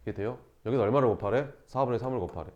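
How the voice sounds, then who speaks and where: A man's voice: mid-range voice, slight background noise. A man teaching a math lesson, walking students through each step by asking questions and answering them himself. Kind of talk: recorded math lesson explaining problems. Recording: slightly dull lo-fi recording.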